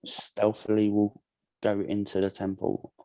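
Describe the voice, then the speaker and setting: A man playing in a tabletop game, answering in a slow, deliberate, terse way. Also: on the low side, monotone, darkish tone, low-quality recording. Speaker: player.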